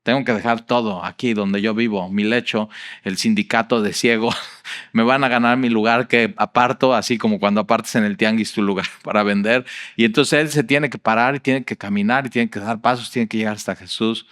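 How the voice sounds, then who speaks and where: A middle-aged man with a Mexican accent preaching a sermon in a conversational, animated storytelling way, with frequent fillers. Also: on the low side, moderate pace. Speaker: pastor.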